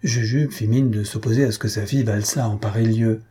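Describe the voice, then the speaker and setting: A man reading a comic novel aloud as an audiobook narrator, in a steady, measured storytelling manner with a husky voice. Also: lowish voice.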